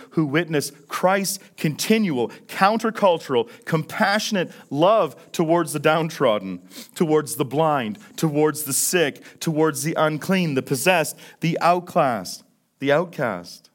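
A man preaching a sermon as pastor, swinging between loud emphasis and hushed questions, with many rhetorical questions. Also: fairly high pitch. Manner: repetitive rhetorical questions, frequent "right?".

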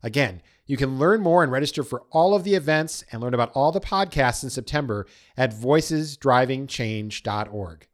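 A man's voice: mid-range voice, animated, moderate pace, few pauses. Man hosting an environmental podcast. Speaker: podcast host. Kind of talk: scripted podcast intro.

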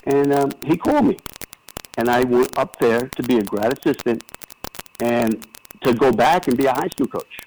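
Over a noisy phone connection full of clicks, a retired basketball coach from New York City, an older American man, reminisces earnestly and in a rambling, casual way as an interview guest. His voice is medium-pitched and darkish, at a normal speed.

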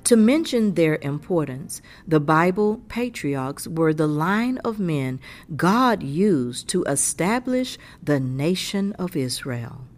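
A woman's voice: deep voice, sing-song, slow, faint music behind. A woman giving a scripted devotional message in an earnest, encouraging way. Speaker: devotional speaker.

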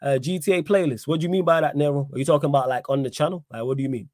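A man's voice: on the high side, rapid-fire, a little mellow, no room sound, clean studio sound. A man with a London roadman accent hosting a livestream, chatting casually in slang. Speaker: livestream host.

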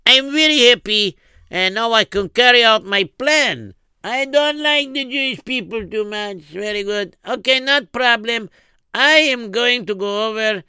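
A man voicing a greedy, scheming prince who gloats slowly over his new power. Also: extremely high pitch, bright, forceful tone, clear, resonant tone, dry recording, pitched above the performer's own voice, exaggerated voice. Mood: gloating. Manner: gloating and slow. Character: scheming, greedy, pleased young male prince.

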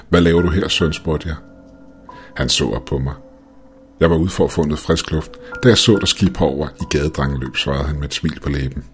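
A man reads a first-person ghost story in a calm, measured way. His voice sits extremely low, and quiet music runs underneath. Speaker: narrator. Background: faint music.

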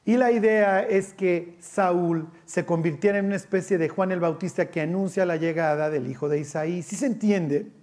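A man's voice: high voice, moderate pace, hardly any pauses. A man preaching a sermon, asking his listeners questions and acting out the voices he quotes. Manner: animated, asks the congregation questions and acts out quoted voices.

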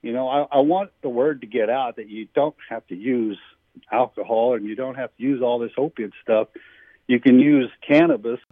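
A man's voice: medium pitch, normal speed, no echo. Older man, plain chatty telling, dry phone-line sound. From Missouri. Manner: plain, conversational, frequent "uh" and "you know". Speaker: interviewee, army veteran. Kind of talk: recorded interview clip.

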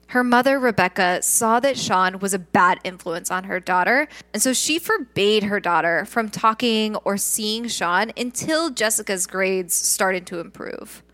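Woman true crime podcast host reading a scripted story, mid-pitched voice. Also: fairly bright tone.

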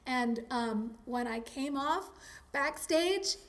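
A woman talking casually in an interview, chatty and animated, with lots of likes and ums. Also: high-pitched, slow. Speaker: interviewee, teacher.

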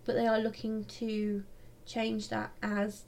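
A woman with a fairly high voice co-hosts a podcast. She talks in casual chat, with an informal and jokey manner. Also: completely flat delivery, slow, gravelly, darkish tone. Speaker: podcast co-host.

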